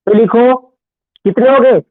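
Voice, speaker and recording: A man with a high voice teaches grammar at an unhurried pace, dictating each word and repeating it. The sound is tinny like a phone line and very dry, with no room echo. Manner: repeats each word slowly, often checks "okay?". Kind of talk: dictation lesson.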